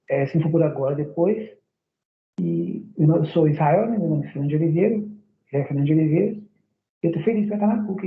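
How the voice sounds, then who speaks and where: A man's voice: fairly high pitch, gravelly, slight background noise. A man from Belo Horizonte introducing himself politely and hesitantly as a new master's student on a video call. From Belo Horizonte, Brazil. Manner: polite, hesitant, many fillers. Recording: tinny, echoey call line.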